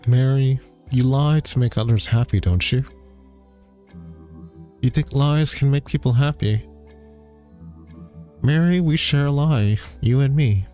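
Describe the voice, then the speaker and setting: Casting note: male streamer reading a mournful ghost dad, slow and solemn, mellow low tone. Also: faint music behind, lightly acted. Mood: solemn, probing. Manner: slow, solemn, probing questions. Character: grieving ghost father, stern, questioning.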